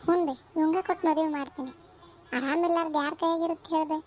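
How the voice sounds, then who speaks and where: A woman voicing a warm, chatty village mother with a North Karnataka accent, scolding and affectionate by turns, in a cartoon. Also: sits high, steady tone, quick pace, natural voice. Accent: North Karnataka Kannada. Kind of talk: cartoon voice acting.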